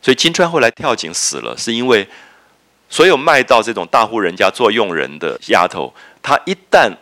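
Lively low-voiced male lecturer. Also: moderate pace. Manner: explains each quoted line, with frequent "啊" and "好" fillers. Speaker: lecturer on a classic novel. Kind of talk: literature lecture.

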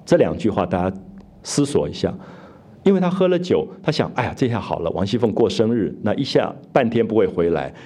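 A man's voice: lowish voice, dark tone. A man giving an explanatory lecture on a classic novel, retelling its scenes and asking his listeners rhetorical questions. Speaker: literature lecturer.

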